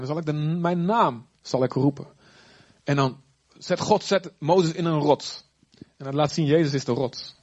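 A man preaching a sermon in a lively, conversational way with chatty asides. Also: fairly high pitch, husky, dull audio. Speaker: pastor.

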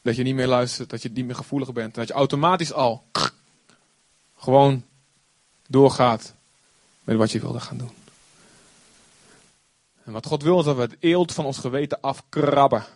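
A man preaching a sermon, animated, acting out quotes with sudden loud outbursts. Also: mid-range voice, moderate pace, pauses often, dry recording. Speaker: pastor.

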